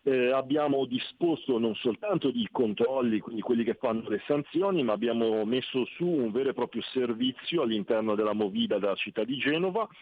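A man's voice: mid-range voice, expressive, fairly quick, few pauses, a little hiss or hum. Man speaking over a tinny phone line. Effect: heard over the phone. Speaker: city councillor phoning in as a guest. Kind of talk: phone-in radio interview.

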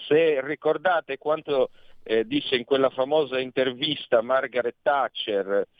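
A man speaking as a guest commentator over a phone line, arguing earnestly and pausing often with fillers. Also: mid-range voice, no room sound. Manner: earnest, argumentative, pauses with many fillers. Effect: heard over a phone line. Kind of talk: radio talk interview. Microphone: telephone.

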